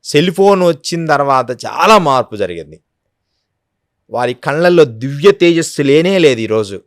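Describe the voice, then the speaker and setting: A male yogi, a guest in a devotional interview, speaks earnestly and tells stories, often acting out quotes. His voice is fairly high and animated at a normal speed, recorded with studio quality and no echo.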